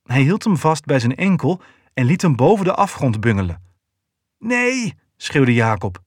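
A man reading a novel aloud in a steady, even storytelling voice. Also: mid-range voice, normal speed, breathy edge, no echo, clean studio sound. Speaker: audiobook narrator. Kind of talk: scripted narration.

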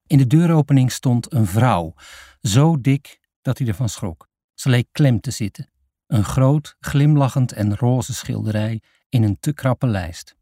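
A man reading a children's novel aloud as narrator, in a steady storytelling manner. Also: mid-range voice, no echo, clean studio sound. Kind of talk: scripted audiobook narration.

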